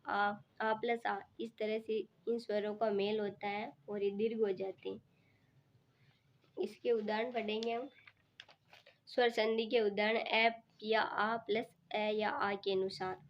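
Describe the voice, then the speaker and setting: A woman with a slightly raised voice works through a grammar lesson for exam students. She repeats every step patiently and checks in often. The recording sounds dull and lo-fi. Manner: repetitive, patient step-by-step explaining. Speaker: teacher. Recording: muffled low-fidelity recording.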